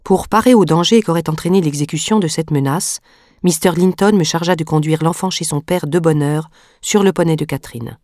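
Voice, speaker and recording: A woman with a lowish voice narrates a classic novel at a measured, even pace. The sound is dry and close to the mic, with no room echo. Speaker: audiobook narrator. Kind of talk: literary audiobook narration.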